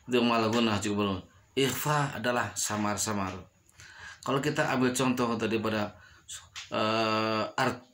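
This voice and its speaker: A man's voice: mid-range voice, a bit bright. A man teaching Quran recitation rules, drawing out and repeating each recited example word. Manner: slow, drawn-out demonstrations of recited words, repeating each example. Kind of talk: tajwid lesson.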